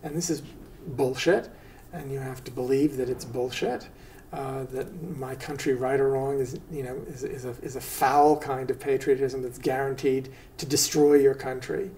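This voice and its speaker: A man's voice: mid-range voice, fairly even intonation, normal speed, a little mellow, rough recording. A man giving a documentary interview, blunt and indignant, with many restarts and fillers.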